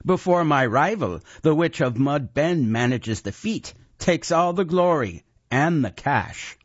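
Again voicing the ruthless talking-head wizard, the man bellows gruff orders in old-fashioned country speech, his voice pushed up to a fairly high pitch. He stays animated but takes his time, captured on a dull lo-fi recording without any room sound.

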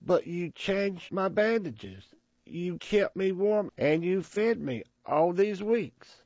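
In an audio drama, a man voices a wounded young soldier, bitter and despairing after learning he's blind. The performance is high-pitched, slow, animated, and exaggerated, with a darkish tone. The lo-fi recording is muffled and has no room sound.

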